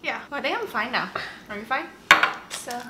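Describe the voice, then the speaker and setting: A woman's voice: on the high side, lively intonation, moderate pace. A woman in her twenties chatting casually in a home kitchen as she eats spicy food. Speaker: mukbang challenge host. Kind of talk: casual chat while eating spicy food. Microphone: camera a few feet away. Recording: echoey room, loud dish clatter and noise.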